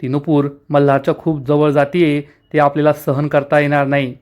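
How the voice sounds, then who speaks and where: A man voicing a scheming, vengeful woman company owner who speaks in a cold, low, menacing way. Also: flat delivery, moderate pace, darkish tone, lightly acted.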